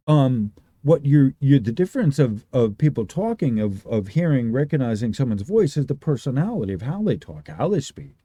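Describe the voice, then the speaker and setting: A man hosting an unscripted stream, explaining things to his regulars in a rambling way, restarting his sentences often and thinking aloud, with a booming voice. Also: big pitch swings, moderate pace, mellow, breathy edge, dry recording. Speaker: livestream host.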